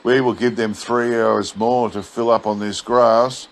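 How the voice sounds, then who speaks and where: A man's voice: medium pitch, fairly even intonation, unhurried, natural voice. A man voicing a crafty cattle drover from a storybook yarn, with an outback drawl. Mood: sly, satisfied. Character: crafty male cattle drover feigning humble sincerity. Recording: clear background noise.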